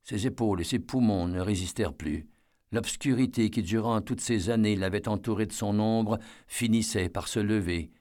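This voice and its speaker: A man reading an audiobook as narrator, in a measured and expressive way. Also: fairly low pitch.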